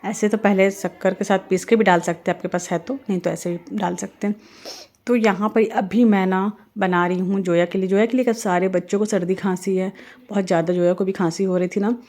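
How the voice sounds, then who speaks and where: A woman's voice: mid-range voice, fairly even intonation, brisk. A middle-aged woman from India talking casually as she cooks, rambling through family news and heartfelt advice. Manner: chatty, rambling, warm-hearted advice with religious phrases. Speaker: family vlogger and mother. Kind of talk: casual voice-over while cooking.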